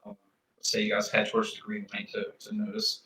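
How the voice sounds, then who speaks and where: A man narrating as game master in a halting way, stopping and restarting often. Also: fairly low pitch, big pitch swings, pushed and bright. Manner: halting, full of restarts and fillers. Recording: echoey room, mic far off.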